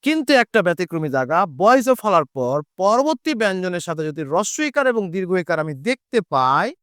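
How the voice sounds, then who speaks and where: A man with a fairly high, smooth and resonant voice teaches a grammar lesson for exam students. He explains each rule step by step, poses questions and answers them himself, and draws out example words slowly. The sound is dry and close, with little room echo. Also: a bit bright. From Bangladesh. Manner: explains step by step, repeats rules, asks and answers his own questions. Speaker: Bangla teacher.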